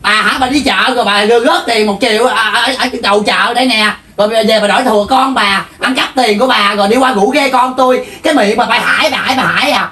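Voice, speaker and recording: Woman, quick indignant talk, highish voice. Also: pushed and bright. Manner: indignant, complaining. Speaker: neighbor in a comedy skit. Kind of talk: scripted comedy sketch acting. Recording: echoey room from far off.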